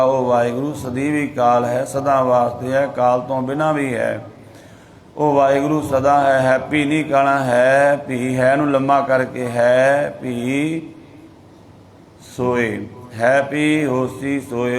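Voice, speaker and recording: A man with a Punjabi accent giving a sermon, slowing right down to chant scripture verses and then explaining them in plain, everyday talk. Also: mid-range voice. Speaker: Sikh preacher giving scripture commentary.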